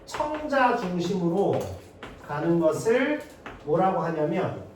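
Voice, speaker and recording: A man's voice: high voice, big pitch swings, slow. A man teaching an exam-prep lecture who acts out short dialogues between students and teachers. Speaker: Korean literature teacher. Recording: echoey room, mic at a distance, faint hiss.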